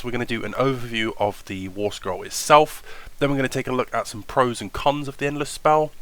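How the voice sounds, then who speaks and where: A man's voice: mid-range voice, fairly bright tone, no echo. A young man hosting a wargaming tactics voiceover, sounding nasal from a cold and talking in an upbeat, enthusiastic way. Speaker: wargaming channel host.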